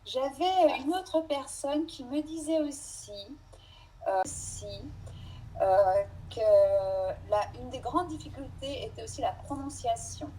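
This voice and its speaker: A woman podcast host interviewing a guest casually, hesitant with many fillers and quick to agree. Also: sits high, animated, warm tone, low-quality recording.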